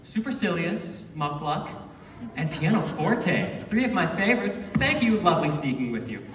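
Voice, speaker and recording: A man's voice: a little high, very animated, moderate pace, fairly bright tone. A man playing an eccentric, courtly chocolate factory owner on stage, with wry, teasing and dryly insulting politeness. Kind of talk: stage musical theatre acting. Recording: echoey hall, distant microphone.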